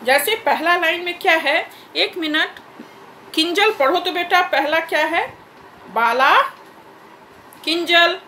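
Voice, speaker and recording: A woman's voice: very high voice, slow, long pauses, bright, forceful tone, echoey room, a little hiss or hum, poor audio. A woman teacher leading an online class over a video call, patiently repeating corrections and calling on students by name.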